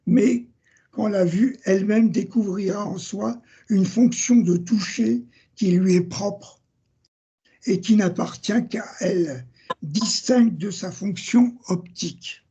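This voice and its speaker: Slow, husky older male lecturer. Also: high voice, warm tone, lo-fi sound. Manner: measured reading, citing sources and page numbers, correcting himself. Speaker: seminar lecturer. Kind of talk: academic seminar lecture read from notes.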